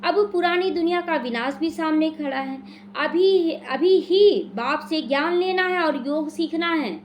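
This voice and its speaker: High-voiced woman giving a spiritual talk. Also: unhurried, slight background noise. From India. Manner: explanatory, asks and answers her own questions. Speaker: spiritual teacher explaining the daily murli. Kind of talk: devotional class talk. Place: small prayer hall.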